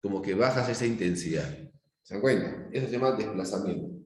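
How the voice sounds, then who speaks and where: A man's voice: lowish voice, expressive, a little fast, a little mellow, slight background noise. A middle-aged Peruvian man teaching a psychology class, explaining with everyday examples and often checking whether the students follow. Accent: Peruvian Spanish. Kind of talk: live online class lecture. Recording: echoey room.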